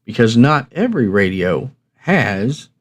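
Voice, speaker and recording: A man hosts a hobby livestream, explaining things in a casual, folksy way and asking himself questions, then answering them. His mid-range voice swings widely in pitch and moves a little slowly.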